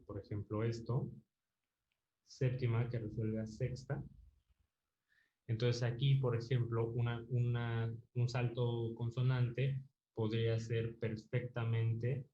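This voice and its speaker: A man with a mellow, medium-pitched voice leads an online music theory lesson. He's patient, fills pauses while thinking aloud, and leans on tag questions to check understanding; the recording sounds roomy, dull, and low-fidelity.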